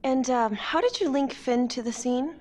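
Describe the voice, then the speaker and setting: A woman's voice: sits high, animated, moderate pace, darkish tone. An actress voicing a composed female district attorney who questions people in a formal, poised way. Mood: firm.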